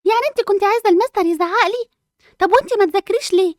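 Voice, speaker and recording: A woman's voice: very high-pitched, racing, no echo, clean studio sound. A woman voicing a whiny, lazy schoolgirl twin with an Egyptian accent. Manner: whiny, complaining.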